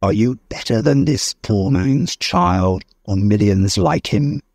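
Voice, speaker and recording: A man voicing a kind but stern Christmas spirit in a storybook reading, speaking slowly and gravely. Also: on the low side, expressive, a little mellow, no room sound, clean studio sound, heavily acted. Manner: slow, grave, reproachful.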